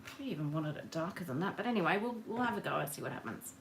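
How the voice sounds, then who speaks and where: A woman's voice: sits low, expressive, rapid-fire, slight background noise. A woman chatting casually through a live craft demonstration at her home work table, rambling and greeting viewers by name. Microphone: camera on the work table.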